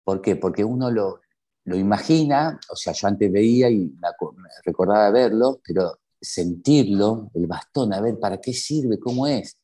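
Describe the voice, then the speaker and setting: Low mellow Argentine man telling his story. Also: lively intonation, normal speed, husky. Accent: Argentine Spanish. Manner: emphatic, rhetorical questions to listeners. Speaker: interview guest. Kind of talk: personal storytelling.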